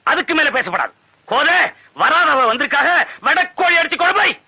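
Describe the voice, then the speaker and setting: Bossy village president, talks fast and high, barking orders. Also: male voice, animated, gravelly, bright, forceful tone, full character voice, low-quality recording. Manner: ordering people about, brusque. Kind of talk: film comedy dialogue.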